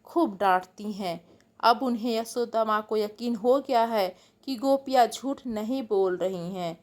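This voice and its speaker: Slow high-voiced woman telling a devotional story. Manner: addresses listeners as friends, homely and chatty.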